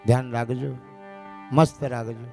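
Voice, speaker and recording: A man, a bhajan singer and preacher giving a folksy sermon at a village gathering, telling stories and breaking into drawn-out sung verses. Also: mid-range voice, little pitch movement, vocal fry, music in the background.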